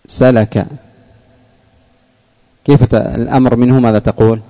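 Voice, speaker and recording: A man's voice: mid-range voice, flat delivery, measured pace, mellow, highs cut off. A man teaching grammar in a classroom, explaining rules and quizzing students by name. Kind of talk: classroom lesson with questions to students.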